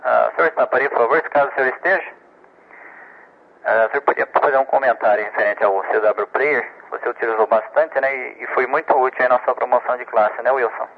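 A man hosts a ham radio net, his voice coming through a two-way radio, thin and tinny like a phone line. He talks casually, stumbling over repeated words and often checking in with his listeners. His pitch sits in the middle range. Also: creaky. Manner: chatty, halting repeats, frequent "ok?" check-ins. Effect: heard over a two-way radio transmission. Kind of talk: casual on-air announcements. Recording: tinny narrowband radio transmission.

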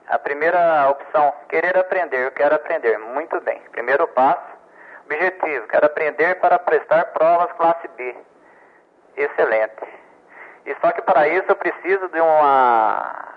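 Man teaching over tinny radio. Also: fairly high pitch. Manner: patient, repetitive, stammers on words, checks with "ok?" and "né?". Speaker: telegraphy instructor. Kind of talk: explanatory lesson.

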